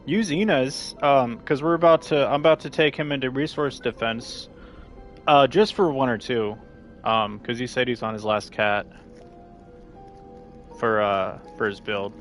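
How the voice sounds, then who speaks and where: A man's voice: medium pitch, unhurried. Young man, casual gamer streamer, loose rambling delivery with cussing, faint music bed. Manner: rambling, swears freely, talks with mouth full. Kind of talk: casual livestream chat.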